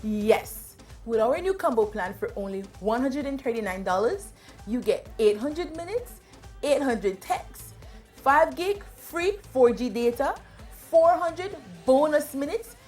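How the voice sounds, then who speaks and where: High-voiced woman giving an upbeat sales pitch. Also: lively intonation, unhurried, darkish tone, soft background music. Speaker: phone store clerk in an ad. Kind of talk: scripted ad dialogue.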